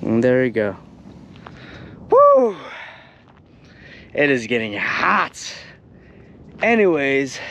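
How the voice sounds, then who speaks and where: A man in his thirties talks at an unhurried, drawn-out pace, relaxed and chatty with plenty of fillers. He sits at a middle pitch and is recorded outdoors on an action camera. A faint hiss of open-air noise runs beneath his voice. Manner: laid-back, chatty, uses lots of fillers. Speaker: fishing vlogger. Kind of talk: casual vlog commentary. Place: outdoors on a bay shoreline. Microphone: action camera, hand-held or chest-mounted.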